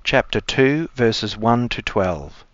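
A man speaking as a cleric, giving measured, formal scripture readings and reflection. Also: medium pitch, expressive, fairly bright tone, no echo. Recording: dry, slightly dull close sound.

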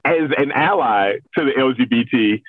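A middle-aged American man with a mid-range, expressive voice talks at a moderate pace. He hosts a children's story reading show and is being interviewed, answering candidly and casually with self-deprecating humour. The audio is thin and phone-like, as on a call.

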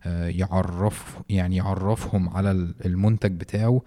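A man with an Egyptian Arabic accent hosting a podcast, talking casually and off the cuff, with halting delivery and drawn-out pauses. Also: low-pitched, steady tone, warm tone. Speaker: podcast host. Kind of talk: casual, unscripted podcast talk.

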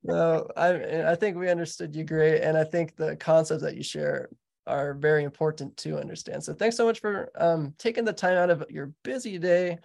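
A man's voice: fairly high pitch, fairly even intonation, moderate pace, creaky, a little mellow. A man with an American accent, chatting casually as he hosts an interview podcast. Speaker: podcast host.

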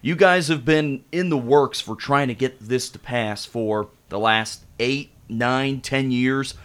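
A man's voice: mid-range voice, slow pace, fairly bright tone, smooth. A man with an American accent hosting an upbeat sports talk show on the radio, in a studio.

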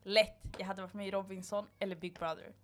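A young woman chatting casually with friends, mostly short reactions and relaxed remarks. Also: mid-range voice. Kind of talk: casual group chat.

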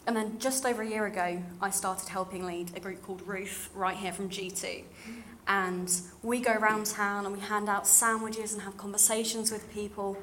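Addressing a church congregation, a young woman from London, England shares her personal testimony in an earnest, straightforward way. Her accent is modern British with a slight RP quality, and her mid-range voice is fairly bright. The recording clearly carries background noise and room ambience.

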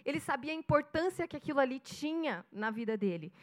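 A woman's voice: high-pitched, fairly quick. A woman pastor in her thirties from Brazil with a Curitiba accent, preaching a sermon and acting out little dialogues as she tells stories. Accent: Brazilian Portuguese, Curitiba. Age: 30s. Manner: animated storytelling, acting out dialogue.

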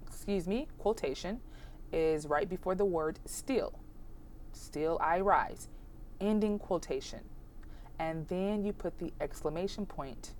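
A woman hosts an informal podcast teaching punctuation, chatty and encouraging as she carefully spells out examples, her voice strained from being sick. Her voice sits on the low side, with a little hiss or hum in the recording.

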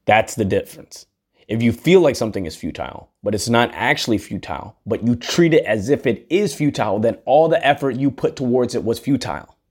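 A man's voice: medium pitch, animated, a little fast, darkish tone, husky. A man hosting a podcast, talking in a casual, earnest, rambling monologue and swearing freely. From United States. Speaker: podcast host.

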